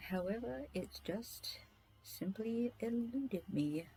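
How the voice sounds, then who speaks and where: A woman's voice: on the high side, expressive, slow pace, warm tone, a little hiss or hum, low-quality recording. A woman chatting casually while she draws, rambling, scattered and self-deprecating, often muttering to herself. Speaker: artist streaming a drawing session.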